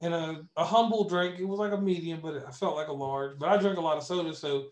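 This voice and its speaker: A man with a West Virginian accent co-hosting a casual podcast chat, telling animated stories and repeating words for emphasis. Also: fairly high pitch, fast talker, reverberant. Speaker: podcast co-host.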